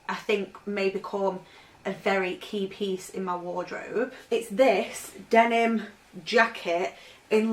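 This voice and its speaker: Off-mic and surrounded by roomy echo plus slight background noise, a woman with a medium-pitched voice rambles about her vintage clothing finds at home. She's a fashion vlogger doing a casual haul, saying "like" constantly.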